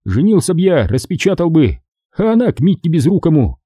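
A man voicing a rowdy young village soldier who rants loudly and coarsely in a raised voice. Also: fairly high pitch, big pitch swings, brisk, slightly rough, dry recording, studio quality, voice pushed up. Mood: indignant rant. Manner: loud, indignant, coarse.

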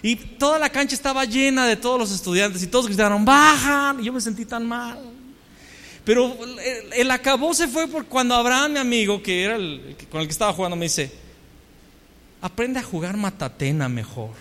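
A man's voice: very high voice, fairly quick, a bit bright. A man with a Mexican accent preaching a storytelling sermon, full of rhetorical questions and self-mocking humor. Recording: long hall reverb.

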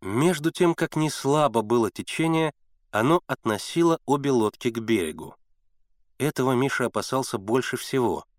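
A man reading a story aloud as an audiobook narrator, in steady scripted narration. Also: medium pitch, moderate pace, no room sound, studio quality.

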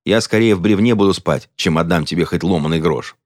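A man's voice: low-pitched, a little fast, no room sound, studio quality, natural voice. A man voicing a grumpy older stoker who bickers and blusters. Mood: bristling.

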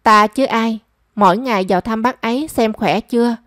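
A woman voicing a brisk, matter-of-fact young female friend. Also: fairly high pitch, a bit bright, dry recording, clean studio sound, close to an everyday voice.

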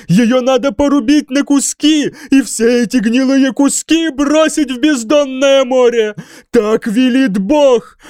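A man's voice: high-pitched, darkish tone, no echo, clean studio sound, voice pushed up, heavily acted. A man voicing a blind, raving monk who wails and chants fanatical accusations. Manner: shrieking, wailing chant.

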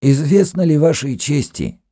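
A man's voice: a little high, expressive, measured pace, no echo, studio quality, voice pushed up. A man voicing a proud old grey-bearded Phoenician prince. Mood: insistent. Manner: shouting, insistent.

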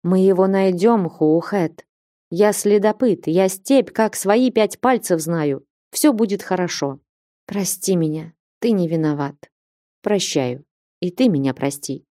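A woman voicing a steppe warrior man who speaks quietly and calmly, with a lowered voice. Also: unhurried, no room sound, studio quality, close to an everyday voice. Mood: soothing. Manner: calm, quiet, firm. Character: stern low-voiced male steppe commander.

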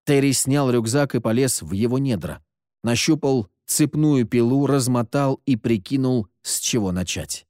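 Expressive male storyteller, dry sound. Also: mid-range voice, normal speed, dry recording. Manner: expressive reading with lively intonation. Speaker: narrator. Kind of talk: audiobook storytelling.

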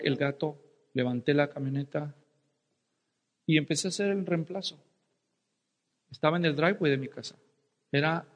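Dramatic preacher in a reverberant hall. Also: male voice, a little high, highs cut off. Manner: dramatic storyteller, shouting and whispering for effect. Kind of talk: sermon with personal story.

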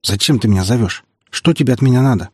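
A man's voice: medium pitch, expressive, fast talker, husky, no echo, clean studio sound. A man reading an audiobook, voicing a moody, possessive teenage boy who snaps and whines. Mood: angry. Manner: snapping, then whining.

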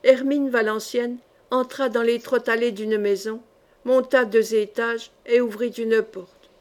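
A woman reading a historical novel aloud as an audiobook narrator, in a measured, expressive manner. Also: a little high. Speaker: audiobook reader.

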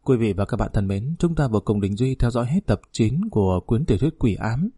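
A man narrating a novel in a calm, even storytelling read, recorded close and dry. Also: medium pitch, fairly quick, slightly rough, no echo. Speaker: audiobook narrator.

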